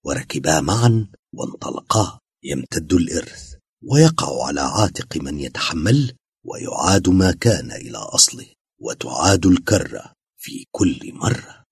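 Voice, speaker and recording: A man narrating a dramatic audio story in a husky, expressive voice. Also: deep voice, moderate pace, dry recording, clean studio sound.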